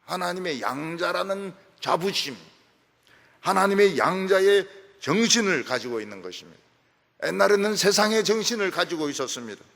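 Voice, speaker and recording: Male pastor, sermon delivery, higher-set gravelly voice, swings from loud emphasis to soft trailing ends, long reverb from the church hall. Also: expressive, normal speed. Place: church sanctuary.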